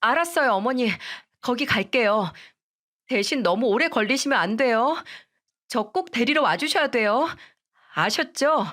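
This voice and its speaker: A woman's voice: fairly high pitch, expressive, normal speed, fairly bright tone, pitched above the performer's own voice. A woman voicing a desperate young daughter-in-law who begs for forgiveness in a raised, pleading voice. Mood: eager. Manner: begging, tearful pleading.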